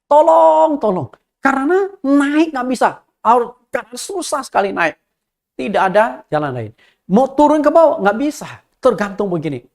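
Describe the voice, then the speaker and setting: A man's voice: extremely high pitch, very animated, moderate pace, voice pushed up, heavily acted. A man voicing a desperate young male hiker hanging at a cliff edge, crying out for help. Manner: shouted cries for help.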